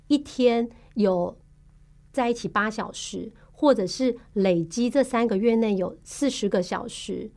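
A woman with a Taiwanese Mandarin accent who works as a tuberculosis case manager, explaining her work patiently in a podcast interview, pausing often on fillers. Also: mid-range voice, darkish tone. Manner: patient, explanatory, measured with frequent filler pauses.

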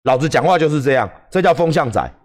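A man's voice: on the high side, sing-song, quick pace. Profane, combative Taiwanese man ranting. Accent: Taiwanese Mandarin. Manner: combative, profane, shouting at critics. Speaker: livestream host. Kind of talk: heated livestream rant.

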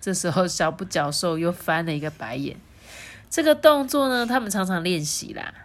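A woman reading a picture book aloud for children, playful and quick to laugh. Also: on the low side. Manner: playful, laughing, lively voice changes. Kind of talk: animated children's story reading.

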